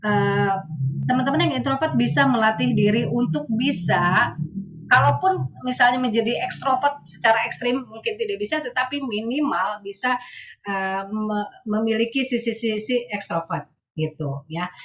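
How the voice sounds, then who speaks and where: A woman giving a webinar talk as a guest speaker on counseling. She explains patiently and often adds soft tag phrases at the ends of her sentences. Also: on the high side, highs cut off.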